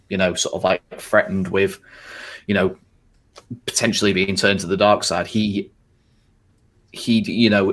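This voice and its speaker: A man's voice: low voice, a bit bright. A man hosting a casual podcast chat, rambling with constant fillers and frequent swearing. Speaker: podcast host.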